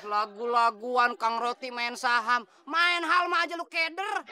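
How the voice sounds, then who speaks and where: A man playing a thug's jittery young sidekick in a slapstick comedy, quick and cheeky. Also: very high voice, steady tone, bright, forceful tone, clear, resonant tone, no echo, full character voice. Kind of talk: slapstick sitcom acting.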